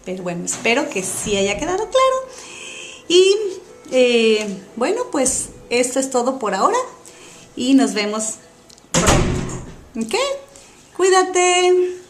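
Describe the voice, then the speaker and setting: A woman tutor drilling words slowly and repeating each one, often checking with a quick "¿sí?" or "¿ok?". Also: high-pitched, sing-song, slight background noise. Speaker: Spanish tutor. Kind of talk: slow drilling of words in a recorded review lesson.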